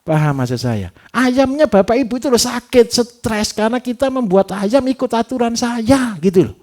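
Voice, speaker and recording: Guy with a high voice running a farm training class, keeps firing questions at the crowd. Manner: constant rhetorical questions to the audience; animated, repetitive, teasing. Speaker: livestock farming trainer. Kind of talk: workshop lecture to an audience.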